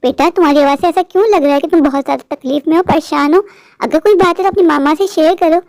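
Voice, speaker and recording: A woman voicing a caring middle-aged mother in a cartoon story, gentle and scolding. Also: high-pitched, quick pace, no echo. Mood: concerned.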